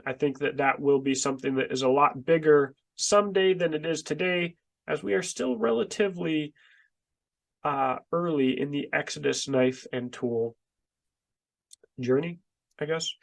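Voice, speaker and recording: Speaking to camera from a basement workroom, a small business owner hosts his video channel in a casual monologue, mic close to his face. A stuffy nose and short breath leave his delivery halting and emphatic, and his slightly high voice carries vocal fry.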